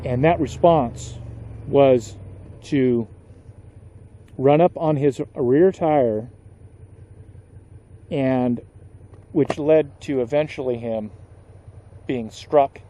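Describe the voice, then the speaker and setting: A man making a somber motorcycle vlog, talking slowly and haltingly and choking back emotion. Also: medium pitch, dark tone. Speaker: motorcycle vlogger.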